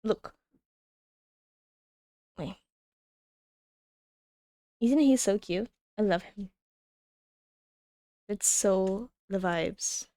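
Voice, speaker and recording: A woman's voice: mid-range voice, extremely slow, long pauses, no echo. Gushing young woman reacting. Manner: gushing, excitable, talks over music. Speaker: reaction video host. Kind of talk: casual reaction commentary.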